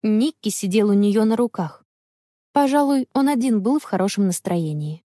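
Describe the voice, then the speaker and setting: A woman narrating a children's audiobook in a clear, expressive reading style. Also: mid-range voice, normal speed, no echo, clean studio sound. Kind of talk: scripted storybook narration.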